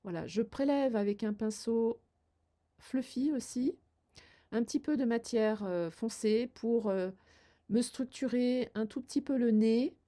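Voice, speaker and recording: An older woman with a fairly high, dark-toned voice walks viewers through her makeup routine without rushing. She's a beauty vlogger whose friendly advice comes out hesitantly, full of fillers, as she demonstrates each step while talking.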